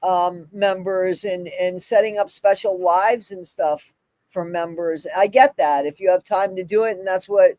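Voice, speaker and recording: A woman's voice: fairly low pitch, steady tone, a little slow, mellow, dry recording. A woman chatting casually on a live stream as a channel creator, emphatic and repeating phrases for stress.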